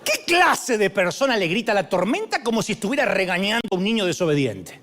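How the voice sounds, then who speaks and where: Animated Argentine pastor preaching. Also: male voice, high voice, fairly quick. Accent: Argentine Spanish. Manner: theatrical storytelling with acted voices and humor. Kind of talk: sermon.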